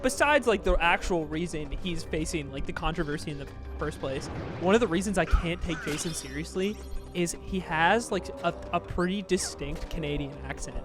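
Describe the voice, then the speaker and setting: A man in a casual podcast chat, telling stories between laughs. His voice sits high for a man. Music runs clearly underneath him. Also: normal speed. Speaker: podcast co-host.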